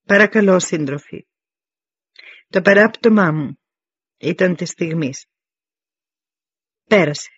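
A man's voice: high-pitched, pauses often, a bit bright, husky, dry recording, muffled recording. Brief: young male deserter, pleading, read by a male narrator, dry close recording. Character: young beardless male deserter begging for mercy.

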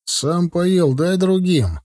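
A man voicing a lovesick young male village driver who pleads and whines excitedly. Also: sits high, slow, no room sound, studio quality, pitched above the performer's own voice. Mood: pleading. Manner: excitable, whiny, insistent.

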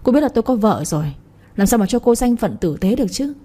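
A man's voice: very high-pitched, sing-song, quick pace, dark tone, full character voice. A woman voicing a young male interpreter who protests his innocence insistently in a storybook reading. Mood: indignant.

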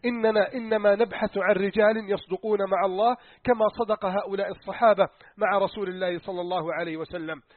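A man preaching a sermon in dramatic storytelling style, emphatic and swinging between loud urgency and hushed tones. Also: high-pitched, fairly even intonation, fast talker, no echo. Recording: tinny phone-like dry recording.

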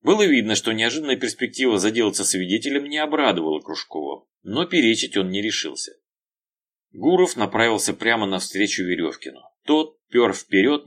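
A man narrating an audiobook in a lively, expressive reading. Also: fairly low pitch. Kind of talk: scripted narration.

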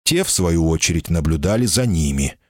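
A man reading an audiobook in steady, measured scripted narration. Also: low-pitched, no room sound, studio quality.

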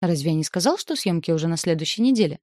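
A woman's voice: fairly low pitch, animated, racing, mellow, no room sound, clean studio sound. A woman reading the lines of a cocky, self-satisfied young male student who drawls out his teasing. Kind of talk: audiobook character voice.

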